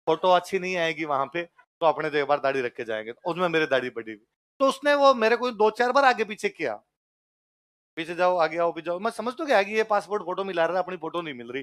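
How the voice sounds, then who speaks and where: A man with a Rajasthani accent tells a personal story in the middle of a lesson. He has a notably high voice. He slips into the voices of the people in his story as he goes. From Jodhpur, Rajasthan. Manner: animated storyteller acting out quoted voices. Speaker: teacher. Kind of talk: storytelling anecdote in a lecture.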